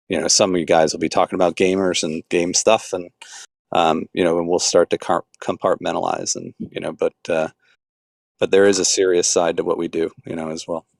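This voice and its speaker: A man's voice: low-pitched, a little mellow, no echo, studio quality. A man leading a crypto club call, talking casually and rambling with many restarts and fillers.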